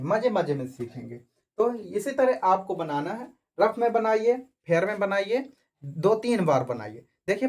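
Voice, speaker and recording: A woman teaching an English grammar lesson to children, asking questions and answering them herself with slow, repetitive drilling. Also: mid-range voice, a little mellow.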